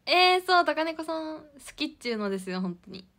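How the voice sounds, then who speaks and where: A woman's voice: sits high, sing-song, fairly quick, fairly bright tone. A young woman hosting a casual idol livestream, giggly and chatty as she reads out viewer comments.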